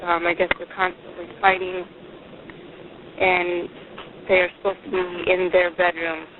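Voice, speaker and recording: A tip line operator talks over a crackly, tinny phone line that keeps fading in and out, with a faint hiss of noise underneath. The delivery is halting and full of ums, in a flat, level tone that barely rises or falls. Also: mid-range voice. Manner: hesitant, halting, many ums. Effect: crackly phone line that fades in and out. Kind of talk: real emergency phone call.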